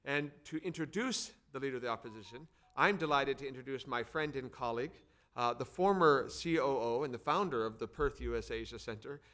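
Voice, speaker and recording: A middle-aged man with an American accent, from Arizona, heads a think tank and introduces speakers at an event he is hosting. He talks a little fast in a mid-range, fairly bright voice, his semi-formal speech partly off the cuff and marked by words repeated for emphasis.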